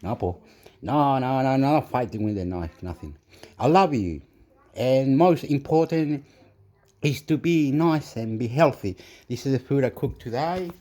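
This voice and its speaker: Chilean-accented man, home cooking vlog, mellow voice, rambling, mixes in Spanish. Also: mid-range voice, animated, measured pace. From southern Chile. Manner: rambling, switches between English and Spanish. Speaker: cooking vlogger. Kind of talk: casual cooking vlog with pep talk. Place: home kitchen.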